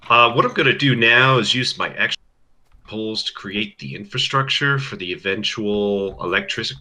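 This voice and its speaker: A man's voice: fairly low pitch, normal speed, pushed and bright. A man in casual chat while playing a game with his brother, wry and talking through what he is doing.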